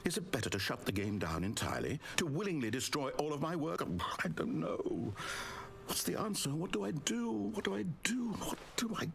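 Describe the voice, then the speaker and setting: A man's voice: big pitch swings, fairly quick, vocal fry, a little hiss or hum. An actor playing a controlling male video game narrator, proud of his story, with precise, theatrical delivery. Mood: distraught. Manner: precise, theatrical delivery with wild swings in pitch. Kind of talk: scripted video game voice acting.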